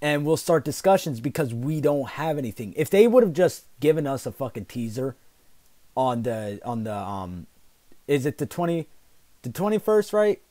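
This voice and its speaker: A man's voice: medium pitch, sing-song, normal speed, mellow, dry recording. A man doing a live gaming commentary, ranting in exasperated rage with heavy swearing. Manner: raging, exasperated gamer ranting; heavy profanity. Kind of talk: live commentary rant, casual chat.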